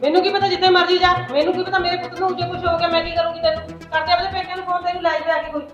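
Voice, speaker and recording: A woman's voice: very high voice, level tone, racing, lo-fi sound, faint music behind. An actress playing a domineering middle-aged mother-in-law who scolds her daughter-in-law in a family drama. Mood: cold. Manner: scolding, sharp, bossy. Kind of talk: short film drama.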